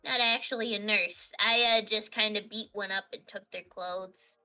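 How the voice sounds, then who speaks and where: A woman's voice: medium pitch, steady tone, moderate pace, sharp tone, highs cut off, soft background music. A woman playing in a tabletop role-play over voice chat, teasing and giggly. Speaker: player.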